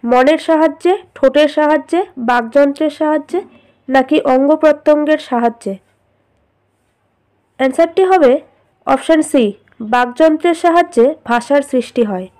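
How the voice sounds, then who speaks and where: A woman with a high voice and a Bengali accent works through exam practice questions. She reads each question and its options in an even, methodical way, then gives the answer. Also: moderate pace, long pauses. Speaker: exam prep teacher. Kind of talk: reading quiz questions and answers.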